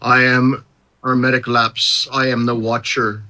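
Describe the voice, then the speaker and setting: A man's voice: medium pitch, level tone, measured pace, sharp tone, pitched below the performer's own voice. A man voicing a grand cosmic watcher, declaiming solemnly during tabletop role-play.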